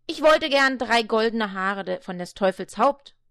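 An earnest young fairy-tale hero played by a woman reading aloud, eager and sincere. The voice is fairly high and recorded close and dry. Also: lively intonation, a little slow, fairly bright tone, clear, resonant tone, no room sound. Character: earnest young man on a quest.

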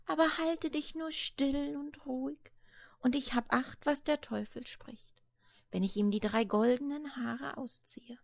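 A woman voicing a kindly old grandmother in a read-aloud fairy tale, speaking slowly and softly, sometimes in a whisper. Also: sits high, steady tone, vocal fry, voice pushed up. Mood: hushed. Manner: hushed, slow and soothing, at times whispered. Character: soft-spoken old grandmother, kindly and soothing.

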